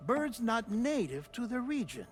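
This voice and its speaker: With music behind him, an actor gives a heavily acted, very animated performance in a very high voice as an eccentric, affable male researcher. In this video game cutscene he tells a story and explains things in a theatrical, conversational way, with chuckles and dramatic pauses, sounding intrigued and expository.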